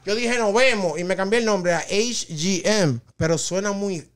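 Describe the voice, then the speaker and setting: A guest rapper with a Dominican Spanish accent tells stories in a casual podcast chat, his high voice clean-toned and moving at a moderate pace. He gets animated when laughing along with the hosts.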